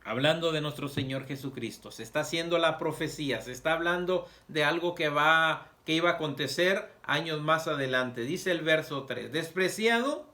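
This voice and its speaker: A man preaching a Sabbath school lesson, reading scripture aloud with emphatic pauses and asking the congregation rhetorical questions. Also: fairly high pitch, bright, forceful tone. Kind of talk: sermon.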